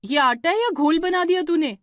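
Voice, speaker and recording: A woman voicing a bossy elder sister-in-law in a cartoon story, loud and exasperated as she scolds. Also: high voice, expressive, quick pace, dry recording, studio quality, pitched above the performer's own voice. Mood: scolding.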